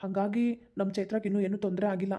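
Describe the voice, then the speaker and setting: Woman as cartoon young son, North Karnataka accent, quick pleading delivery, dark mellow tone. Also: mid-range voice, little pitch movement, close to an everyday voice. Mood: earnest. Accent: North Karnataka Kannada. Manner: pleading, determined, talks fast. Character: earnest young man, devoted son and brother. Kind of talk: cartoon voice acting.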